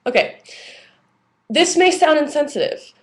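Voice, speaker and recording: A woman's voice: high-pitched, animated, unhurried. A young woman ranting casually about everyday annoyances in an exasperated, conversational and emphatic way. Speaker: vlogger.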